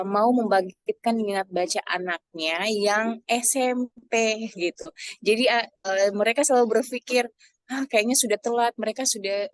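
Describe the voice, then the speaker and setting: Woman asking a question on a call, halting, dry close sound, mid pitch. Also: no room sound. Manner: hesitant, searching for words. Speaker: audience member asking a question. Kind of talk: casual online Q&A.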